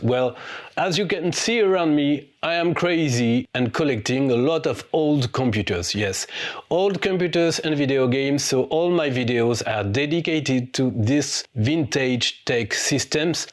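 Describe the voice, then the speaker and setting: A man from France with a French accent, speaking English as a second language, presenting a retro computer vlog with eager excitement. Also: fairly high pitch. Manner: eager, excitable, non-native phrasing.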